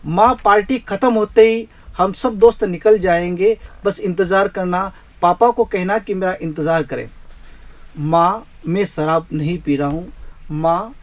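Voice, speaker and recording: High-voiced young son begging his mom over and over, as a male poet recites it. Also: close to an everyday voice, rough recording. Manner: pleading, repeating "mother" over and over. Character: young adult son calling his mother from a party.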